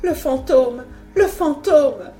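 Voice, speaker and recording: A woman's voice: sits high, animated, takes it slowly, dark tone, echoey room, pitched above the performer's own voice. A woman reading aloud and voicing a terrified young woman who cries out in jerky, panicked bursts, over faint music.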